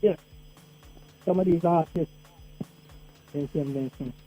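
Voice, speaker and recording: A man on a call-in line sounds muffled and far away, as if his words are coming through a wall. The phone line is dull and lo-fi, and his voice sits a little higher than most men's. He keeps repeating his hellos. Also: takes it slowly, slightly rough, faint music behind. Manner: repeats greetings and checks whether he is heard. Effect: muffled voice, as if heard through a wall. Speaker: radio call-in caller. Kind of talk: casual call-in chat. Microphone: phone held badly, no headphones.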